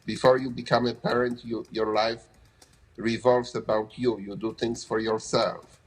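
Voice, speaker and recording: A man's voice: mid-range voice, little pitch movement, a little slow, husky, low-quality recording. A middle-aged man with a Polish accent answering interview questions casually, often restarting phrases and adding "you know". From Poland. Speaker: interviewee, anesthesia provider.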